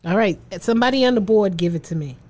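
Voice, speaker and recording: A woman's voice: medium pitch, fast. A woman hosting a playful game show, teasing the players and reading clues. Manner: teasing and energetic, counts down and reads clues.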